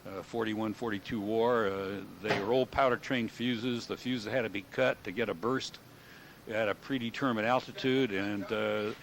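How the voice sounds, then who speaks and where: Old american guy, war vet remembering his army days, lowish voice, halting n matter of fact, bit of noise behind him. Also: steady tone. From United States. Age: 70s. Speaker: World War II veteran giving an interview. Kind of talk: oral history recollection.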